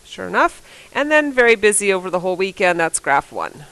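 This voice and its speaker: In a poorly recorded classroom lesson, a woman with a cold solves math problems on a board, talking them through casually and fixing her own slips. Her voice is mid-range, sing-song, a bit bright, and fairly quick.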